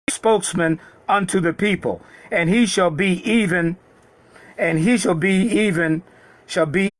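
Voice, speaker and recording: A man reading scripture slowly and haltingly, then retelling it in casual, conversational preaching. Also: high voice, no room sound. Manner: reads slowly with halting repeats, then paraphrases God in casual speech. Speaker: Bible teacher. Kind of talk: scripture reading with sermon commentary.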